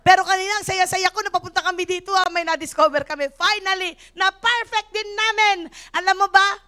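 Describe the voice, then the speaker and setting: A middle-aged woman pastor preaching a sermon, telling lively, humorous stories and switching between Tagalog and English. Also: very high voice, brisk. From Philippines. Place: church service.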